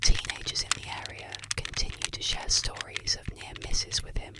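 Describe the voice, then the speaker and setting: Soft ASMR whisper telling spooky legends. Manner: slow, soothing ASMR delivery for sleep. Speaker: ASMR narrator.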